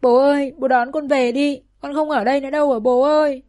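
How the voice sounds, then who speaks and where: A woman's voice: mid-range voice, fairly even intonation, fairly quick, darkish tone, natural voice. A woman storyteller voicing a young daughter who sobs and pleads to go home with her father, over faint music. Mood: pleading. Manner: tearful, pleading.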